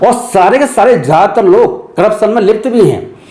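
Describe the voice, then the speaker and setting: A man's voice: sits high, lively intonation, normal speed, warm tone, roomy sound. A man, a former judge, speaking in a news interview in an indignant, emphatic way, full of rhetorical questions.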